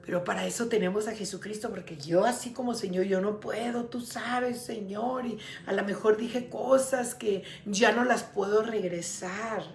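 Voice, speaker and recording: A woman's voice: mid-range voice, moderate pace, vocal fry, hardly any pauses, reverberant, slight background noise. A woman preaching a sermon in a conversational way, often turning to her listeners directly.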